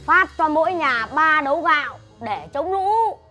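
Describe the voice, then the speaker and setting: Bossy village elder in a comedy film, high voice, music behind. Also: female voice, lively intonation, sharp tone, heavily acted. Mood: commanding. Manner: commanding, brisk. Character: stern village elder giving orders. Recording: music under dialogue.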